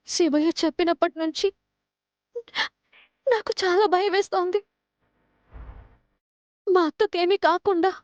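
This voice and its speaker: A woman's voice: very high-pitched, no room sound, muffled recording. An actress playing an anxious young woman guarding her sister's wedding, earnest and pleading. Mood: worried. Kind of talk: TV serial acting.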